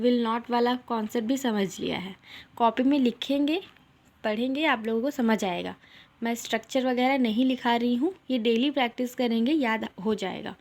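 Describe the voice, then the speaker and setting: A young woman teaching English vocabulary in an online lesson. She mixes English words into her explanations and reads example sentences slowly. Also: a little high, a little mellow. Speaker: English teacher for exam aspirants.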